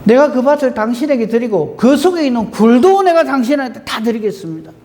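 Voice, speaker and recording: A preacher voicing a generous, courteous landowner. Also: male voice, very high voice, animated, brisk, a little mellow, big-room sound, slight background noise, pitched above the performer's own voice.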